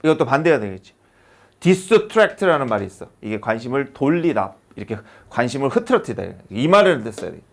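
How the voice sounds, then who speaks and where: A fast-talking man with a medium-pitched voice teaches English to high school students in a classroom. He keeps the lesson lively with a constant run of rhetorical questions.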